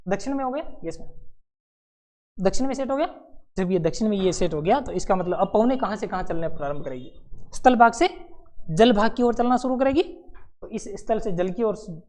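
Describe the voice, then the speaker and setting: A man's voice: high-pitched, animated, darkish tone. Storytelling male teacher mid-lesson. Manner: storytelling, acting out scenes and voices, quick asides. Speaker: competitive exam teacher. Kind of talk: lively classroom lecture. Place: classroom with students present.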